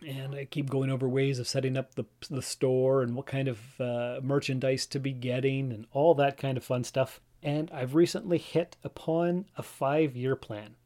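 Speaking directly to listeners, a podcast host from Canada in his forties rambles through a casual solo show full of fillers and restarts. His dark, mid-range male voice stays level in tone, and he talks at a moderate pace with hardly any pauses.

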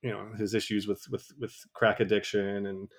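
A man's voice: fairly low pitch, normal speed. Earnest young male podcast host. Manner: earnest, animated when retelling, laughs easily. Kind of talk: conversational podcast.

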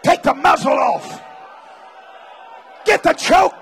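A man preaching at a Pentecostal revival meeting, shouting and urging the crowd on with repeated exhortations, sometimes speaking in tongues. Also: very high voice, slow pace, gravelly, slight background noise. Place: large church meeting.

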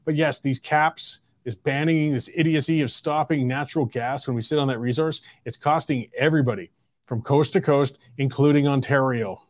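A man hosts a political show and delivers his opinions in a blunt, combative monologue, throwing in mocking jabs. His voice sits at an ordinary middle pitch. The recording is close and dry, with no room sound. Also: moderate pace, dry recording. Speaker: political commentary host.

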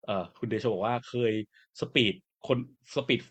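A man hosting a casual panel discussion, talking in a relaxed, chatty way with lots of fillers. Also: on the low side, normal speed, slightly rough. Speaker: podcast host.

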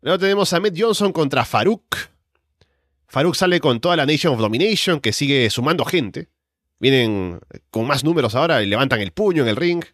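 A man's voice: on the high side, animated, brisk, fairly bright tone, dry recording, clean studio sound. A man giving a wrestling commentator style play-by-play recap, recounting moves step by step in the present tense. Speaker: podcast co-host recapping wrestling matches.

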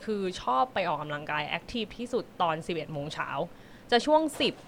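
A woman's voice: lowish voice, animated, brisk, slight background noise. A young woman chatting casually about her routine, rambling with many fillers. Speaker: podcast guest sharing her fasting routine. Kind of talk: casual chat.

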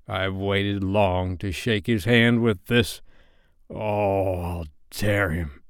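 Storybook pirate captain, male, acted by a man: brooding, vengeful, petulant, low-pitched, drawn-out menace. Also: clear, resonant tone, dry recording, studio quality, lightly acted. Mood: passionate, vengeful. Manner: slow, dark, menacing delivery. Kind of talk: storybook character voice.

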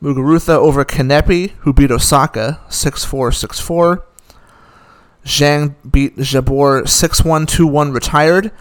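Here a man on the high side, smooth and unhurried, runs through the day's tennis results in a casual, opinionated way. This commentator lists scores with dry remarks along the way.

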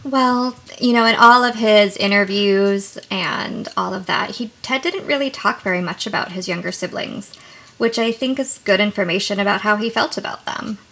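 A woman therapist co-hosting a podcast, giving calm, measured explanations. Her voice has a gravelly fry and a husky edge. The tone is bright. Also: medium pitch.

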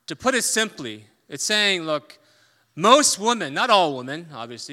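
A man preaching a sermon as a pastor, emphatic, swinging between loud stressed points and quiet asides. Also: medium pitch, clear, resonant tone, in a large hall.

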